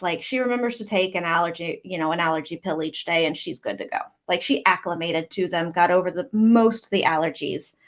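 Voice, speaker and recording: A woman hosting a casual writing livestream from home, reading viewer comments aloud and rambling between them with lots of fillers. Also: fairly low pitch. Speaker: livestream host.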